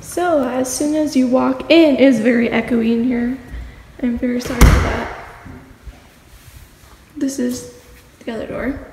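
With a high, steady voice and a measured pace broken by long pauses, a teenage girl films a house tour on a phone at arm's length. She's chatty and rambling, heavy on filler, walking through an empty house whose bare walls leave the rooms echoey with a faint hum.

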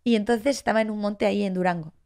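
A woman's voice: medium pitch, quick pace, clear, resonant tone. A woman in her forties with a Spanish accent from Spain, a podcast guest telling her own story candidly and with feeling, acting out what people said. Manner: emotional, animated, acts out past dialogue.

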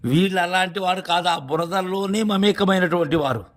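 A man's voice: sits high, moderate pace. A man, a spiritual teacher, explaining verses in a devotional discourse, repeating his points and asking rhetorical questions.

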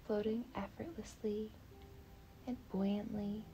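A woman guides a meditation in a soft, breathy half-whisper that is gentle, soothing and unhurried. Her voice sits in the mid range and keeps a steady tone.

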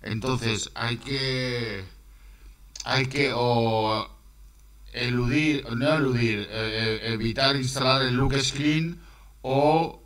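A man's voice: medium pitch, a bit bright. A man casually talking through a desktop demo as he goes, rambling and repeating himself as he thinks aloud. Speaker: screencast maker. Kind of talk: casual screen-recorded demo.

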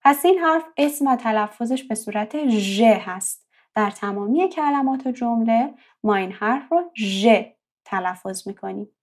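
Fairly high-voiced woman teaching slowly. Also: animated. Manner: slow, drawn-out repetition of example words. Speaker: language teacher. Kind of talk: language lesson.

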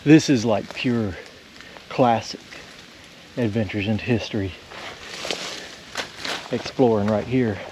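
A man's voice: on the low side, slow pace, pauses often, noisy background. A man, narrating casually as he explores rural woods and thinks aloud about what he finds. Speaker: explorer vlogger.

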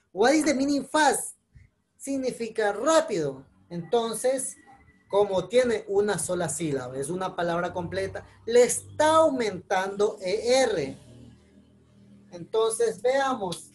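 Patient woman teacher, measured delivery, spells things out for her students. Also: medium pitch, lively intonation, darkish tone. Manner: patient, explains slowly step by step, spells out letters. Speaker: English teacher. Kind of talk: recorded online class explanation.

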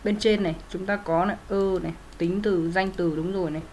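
A woman's voice: mid-range voice, fairly even intonation, a little fast, a little mellow, slight background noise. A woman teaching English grammar, working through answers step by step in a methodical way, with frequent fillers and self-corrections. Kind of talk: explaining grammar exercises.

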